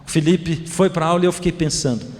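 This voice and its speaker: A Brazilian man preaches as a pastor, telling a story and acting out each exchange. His voice sits a little high. It rings with a long hall reverb. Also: fast talker. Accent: Brazilian Portuguese. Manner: animated storytelling, acting out dialogue. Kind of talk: storytelling sermon.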